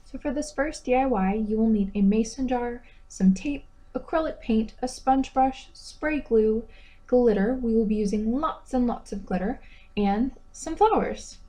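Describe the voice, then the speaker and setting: A young woman talks through a craft tutorial in a bright, chatty voice-over. Her voice sits a little high, and she drops in playful self-deprecating asides between steps. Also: a little slow, soft background music. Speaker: DIY vlogger.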